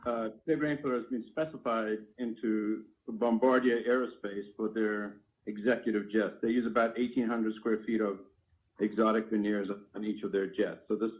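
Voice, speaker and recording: A man with a lowish, steady voice and moderate pace describes his own inventions on a live call, informal but technical, working through them step by step. He is the product inventor and company founder, heard over a tinny, narrow phone line.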